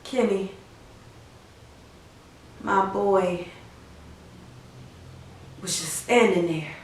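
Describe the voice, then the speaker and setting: A freshly widowed young mother, played by an actress in a stage monologue speaks slowly and haltingly from well back from the mic. Her voice rings through a very echoey room, hushed and numb, with pauses that give way to anguished cries. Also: mid-range voice, recorded from a distance, a little hiss or hum. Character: grieving young mother, newly widowed soldier's wife. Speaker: actor performing a dramatic monologue.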